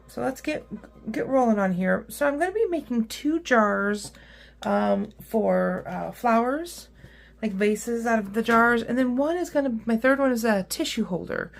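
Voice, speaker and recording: A craft tutorial host with a rough, hoarse, medium-pitched voice talks at normal speed while working at her craft table. Her casual how-to is chatty and upbeat, full of ums and uhs.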